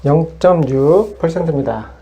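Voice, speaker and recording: A woman's voice: low voice, lively intonation, normal speed, dark tone. A woman math tutor patiently walking through worked exercises step by step. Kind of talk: worked-example lesson.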